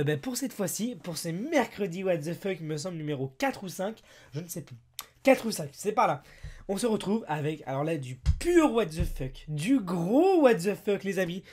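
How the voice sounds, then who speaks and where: A man from France with a hoarse, broken voice from a cold, excitedly opening surprise toys in a casual unboxing vlog, exclaiming and repeating himself. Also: sits high. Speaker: toy-opening YouTuber.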